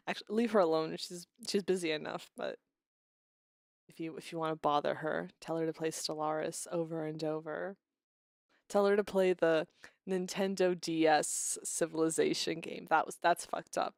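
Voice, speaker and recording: A woman's voice: on the low side, creaky, no room sound, studio quality. A woman streamer chatting casually with her viewers, rambling and restarting her sentences, a little unwell with a cough.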